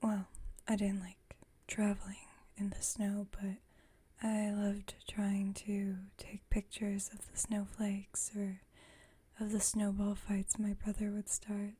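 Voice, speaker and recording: A woman's soft, breathy whisper carries this ASMR roleplay, in which she is a calm, centuries-old female vampire roommate with dry wit. She speaks slowly in a mid-range voice, with gentle, slightly formal wording and a calm, reflective mood.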